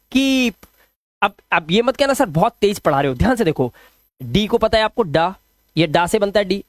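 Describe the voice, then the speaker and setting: A man's voice: high voice, dry recording. Man, phonics teacher, dry close sound, asks and answers his own questions. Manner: asks questions and answers them himself, repeats words slowly. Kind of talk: classroom-style explanation.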